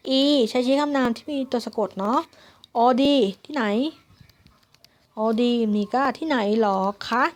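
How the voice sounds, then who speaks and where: High-voiced woman teaching grammar slowly. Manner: slow, syllable-by-syllable explanation with frequent polite particles. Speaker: Korean language teacher. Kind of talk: spoken grammar lesson.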